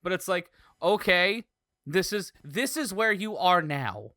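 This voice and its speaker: A man co-hosting a casual sports podcast, making his points animatedly with drawn-out emphasis and easy laughter. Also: high-pitched, lively intonation, sharp tone, no room sound, studio quality. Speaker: podcast co-host.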